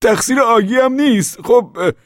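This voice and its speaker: A man's voice: very high-pitched, no echo, clean studio sound, voice pushed up. A man voicing an anxious middle-aged father who pleads earnestly with a neighbor, in an audiobook. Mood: worried, pleading. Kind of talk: audiobook character reading.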